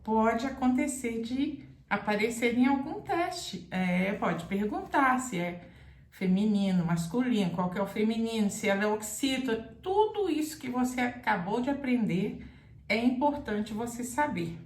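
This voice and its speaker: A woman teaching a grammar lesson straight to the viewer. She speaks slowly and carefully, explaining each point, in a fairly high voice. The sound carries a noticeable room echo. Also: animated. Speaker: Portuguese teacher. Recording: echoey room.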